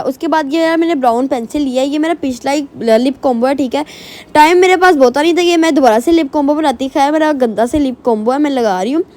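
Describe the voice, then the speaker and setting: A woman's voice: high-pitched, darkish tone. A young woman giving a casual, self-mocking voice-over for her makeup routine, rambling and chatty. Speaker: beauty vlogger. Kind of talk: casual get-ready-with-me voice-over.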